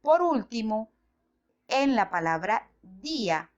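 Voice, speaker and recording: Female teacher, slightly high voice, unhurried lesson delivery. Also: big pitch swings, lo-fi sound. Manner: slow, deliberate, spelling out examples. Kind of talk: educational lesson narration.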